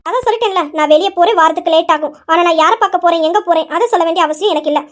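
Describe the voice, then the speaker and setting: A woman's voice: very high voice, racing. Woman playing a defiant young wife. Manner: sharp, scolding, insistent.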